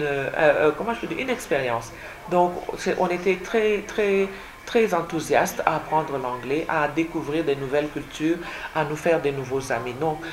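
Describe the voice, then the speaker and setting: This low-pitched woman, the guest author on a radio interview, was born in Congo and speaks French as her first language. She responds hesitantly, with lots of fillers and repeated words, and the poor audio carries slight background noise.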